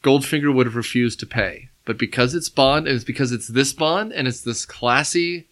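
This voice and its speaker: A man's voice: mid-range voice, normal speed, a bit bright. A man co-hosting a casual film discussion podcast, talking enthusiastically and rambling with restarts. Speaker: podcast co-host.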